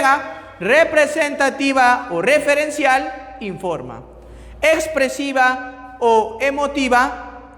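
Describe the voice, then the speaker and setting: A man with a high voice and a Peruvian Spanish accent gives a lecture to his students. He leans on key words slowly, then lets his voice drop away, and keeps asking "¿ya?" to check they follow. The room is echoey, with a long reverb tail. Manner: explains with repeated checks like ¿ya? and ¿no?; stresses key terms slowly, then trails off quieter. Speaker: teacher.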